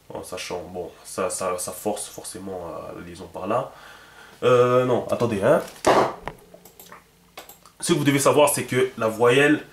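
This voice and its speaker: In a lowish voice, a male teacher thinks aloud through a casual lesson, full of fillers and repeated words, frequently making sure his listeners are following. The recording is reverberant, with a little hiss or hum.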